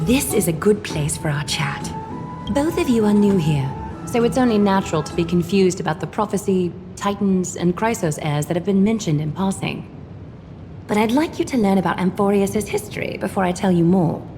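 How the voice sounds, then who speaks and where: With a natural, medium-pitched voice, a woman performs scripted lines as a gracious, composed noblewoman who leads with poise and courtesy. She speaks formally and measuredly with soft command, and game music plays underneath.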